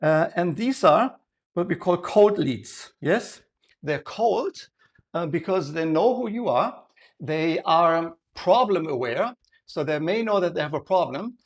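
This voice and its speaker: A man's voice: a little high, animated. German-accented man leading a live workshop. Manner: engaging, asks the audience frequent questions; halting, many restarts and fillers. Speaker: workshop presenter.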